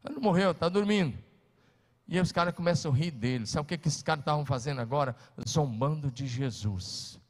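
Pastor guy preaching, kinda high voice, big reverb off the hall walls. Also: brisk. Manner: emphatic, swings between loud and hushed, calls on listeners to repeat. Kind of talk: sermon.

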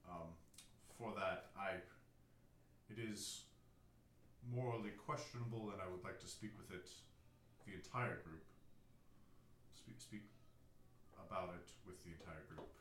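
A man playing in a tabletop game, speaking in character with formal, measured wording. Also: sits low, a bit bright. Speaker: player. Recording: roomy distant mic, faint hiss.

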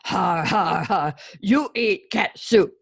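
A woman's voice: mid-range voice, slow, gravelly, slightly rough, no echo, clean studio sound, voice pushed up, exaggerated voice. A woman reading a storybook aloud, voicing a huge, dim male ogre who growls in broken speech. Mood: menacing.

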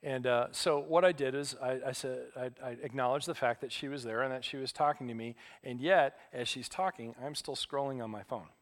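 A man's voice: mid-range voice, steady tone, a little fast, hardly any pauses. Middle-aged guy preaching, laid back and joking about himself, just talking to the congregation. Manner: conversational, self-deprecating storytelling. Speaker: pastor. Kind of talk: sermon.

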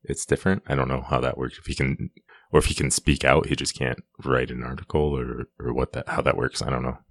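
Very deep-voiced man musing hesitantly. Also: level tone, a little fast. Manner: hesitant, unsure, thinking aloud. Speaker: podcast co-host. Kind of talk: casual TV discussion chat.

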